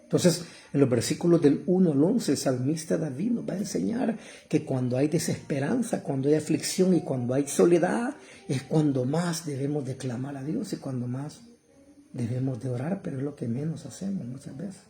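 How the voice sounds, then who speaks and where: Fervent preacher, dark tone. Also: male voice, a little high, expressive, normal speed, gravelly, a little hiss or hum. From El Salvador. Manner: fervent, addresses listeners as brother, rises to loud cries when quoting. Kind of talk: sermon.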